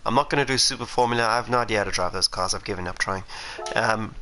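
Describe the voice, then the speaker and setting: A South African racing driver chats and thinks aloud while streaming a sim racing game, his low voice fast, pushed and bright. Game engine noise and racing car sounds run underneath his live commentary.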